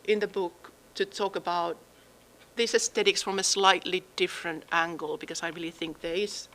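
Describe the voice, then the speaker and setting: A woman giving a partly improvised academic talk, pausing to search for words, then stating opinions emphatically. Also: fairly low pitch, steady tone, fairly bright tone, low-quality recording. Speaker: lecturer presenting own book research.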